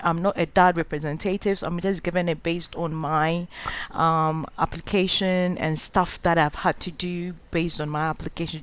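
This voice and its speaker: A Ghanaian woman with a smooth, low voice hosts a scholarship guide as a screen-recorded walkthrough tutorial. She gives direct advice but sounds hesitant, using many "um" and "uh" fillers.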